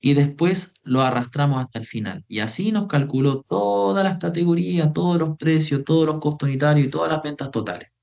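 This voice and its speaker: A young man runs an online Excel workshop, patiently repeating phrases as he explains and calling his students "chiquillos." His voice is on the high side, gravelly and darkish in tone, and he speaks briskly with few pauses.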